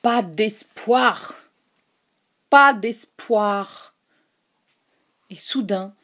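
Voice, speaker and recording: Woman narrator, literary audiobook, breathy voice, very slow pace, grave. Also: medium pitch, dark tone.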